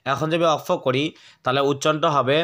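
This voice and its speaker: A man teaching Quran recitation, spelling out words letter by letter and then chanting them slowly and drawn out. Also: medium pitch, fairly even intonation, sharp tone.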